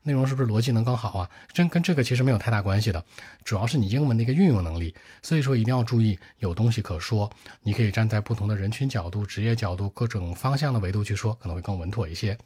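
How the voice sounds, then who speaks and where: A man with a husky, fairly low voice gives an exam-prep lesson. He talks quickly and briskly and turns often to address his viewers directly. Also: warm tone. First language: Mandarin Chinese. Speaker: IELTS speaking teacher.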